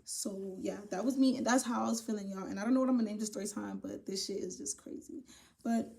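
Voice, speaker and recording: A young woman casually telling a personal story to her viewers, animated and profane, often calling them y'all. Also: medium pitch, quick pace, creaky, slight background noise. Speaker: vlogger. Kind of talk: storytime vlog.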